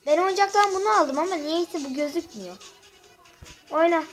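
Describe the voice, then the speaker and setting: A woman's voice: very high-pitched, normal speed, rough recording. A woman with a sore throat chatting through a casual gameplay walkthrough, constantly addressing her viewers as friends. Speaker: gaming channel host. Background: faint game music.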